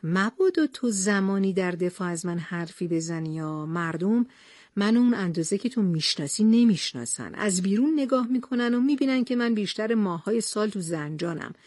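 A woman's voice: mid-range voice, expressive, a little mellow, dry recording, clean studio sound, close to an everyday voice. A woman reading as a tender young husband. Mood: serious. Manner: tender, earnest. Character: gentle devoted young husband, soldier.

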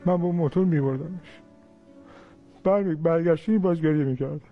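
Grieving father, slightly high voice. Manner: plain, halting storytelling, moved. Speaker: father of a fallen soldier. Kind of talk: emotional personal recollection. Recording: muffled lo-fi audio with faint music.

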